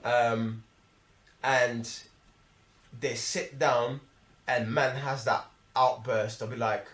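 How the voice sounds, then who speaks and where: In an echoey room, a male film review host with a London accent debates films casually and animatedly, packing his talk with slang and repeating himself emphatically to push his argument. He speaks slowly at a medium pitch, a little bright, with fairly even intonation.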